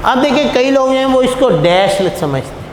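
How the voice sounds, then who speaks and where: A man's voice: extremely high pitch, sing-song, moderate pace. Male teacher in echoey room. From Pakistan. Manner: patient, poses rhetorical questions, calls students "beta". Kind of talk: classroom lecture. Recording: echoey room with long reverb, faint noise.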